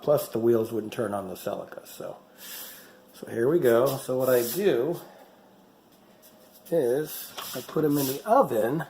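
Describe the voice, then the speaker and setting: A middle-aged man talks in a relaxed, conversational way with an ordinary mid-range voice. He pokes fun at his own mistakes with dry, wry humor as he shows his projects in a home workshop. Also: mid-range voice, gravelly, slight background noise. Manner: chatty, self-deprecating, wry. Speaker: hobbyist channel host. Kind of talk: casual workshop vlog.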